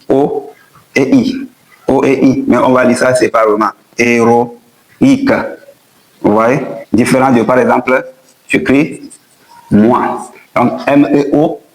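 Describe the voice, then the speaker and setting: A man teaching a spoken language lesson, patiently repeating each point and sounding out letters slowly. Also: medium pitch, low-quality recording.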